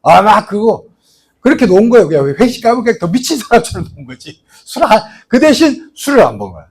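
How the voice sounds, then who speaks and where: A man's voice: sits high, sing-song, a little fast, darkish tone. A man preaching a sermon as a pastor, telling a story in a chatty way and often turning to the congregation with questions. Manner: conversational storytelling with rhetorical asides. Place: church.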